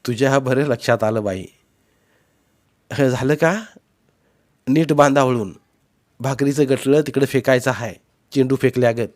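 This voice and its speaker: A man voicing a practical rural mother in a spoken storybook, giving quick orders in a hurry. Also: mid-range voice, a little mellow, natural voice. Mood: hurried. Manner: hurried, bossy instructions.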